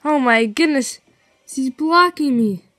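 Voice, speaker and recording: A woman's voice: sits high, animated, takes it slowly, a bit bright, soft background music. A woman casually commenting while she plays a game, reading in-game notes aloud and reacting as she goes. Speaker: game video maker.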